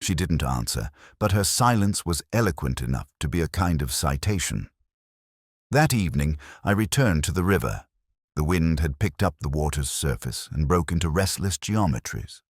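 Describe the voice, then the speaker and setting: A man playing a melancholy, cerebral police inspector, narrating a murder case in a measured, formal, literary first person. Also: extremely low pitch, big pitch swings, dry recording, studio quality, full character voice. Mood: brooding, reflective.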